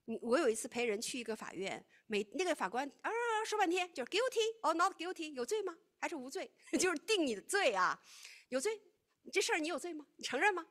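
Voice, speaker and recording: A woman preaching a sermon, teaching in an animated way that swings between loud, emphatic stretches and hushed, quiet ones. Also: high voice, fast.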